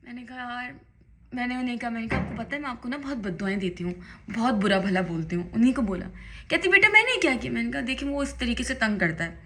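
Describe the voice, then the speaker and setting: A woman's voice: a little high, quick pace, a little hiss or hum. A young woman talks casually in a makeup vlog while doing her makeup at home. Her speech is chatty and emphatic, and she rises into indignant bursts. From Pakistan. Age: young adult. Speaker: vlogger. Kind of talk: casual get-ready-with-me vlog chat.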